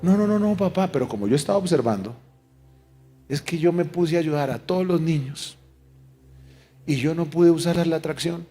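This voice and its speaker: Pastor, man, fairly high voice, emphatic pulpit delivery, faint music under. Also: normal speed, long pauses. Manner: emphatic, animated preaching with call-and-response. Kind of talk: sermon. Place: church service.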